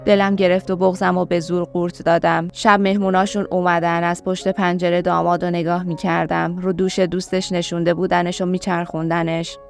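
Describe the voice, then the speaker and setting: A woman narrating a story in a calm, even reading style. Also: on the low side, creaky, few pauses, soft background music.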